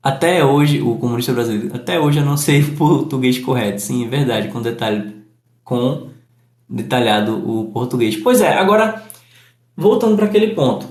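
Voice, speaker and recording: A man with a Northeastern Brazilian accent, explaining a language lesson slowly and deliberately, spelling out each example. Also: medium pitch, lively intonation, darkish tone, reverberant. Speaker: language teacher.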